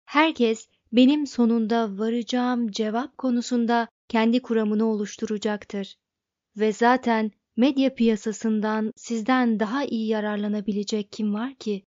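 A woman voicing a booming self-important supercomputer. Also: steady tone, a little slow, no echo, lo-fi sound, lightly acted. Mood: lecturing. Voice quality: loud, booming. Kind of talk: audiobook reading.

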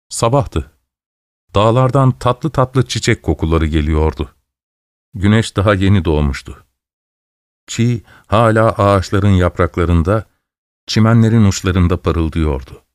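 A man reading a story aloud as narrator, in a measured, descriptive way. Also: sits low, darkish tone, clear, resonant tone, no room sound, studio quality. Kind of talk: scripted narration.

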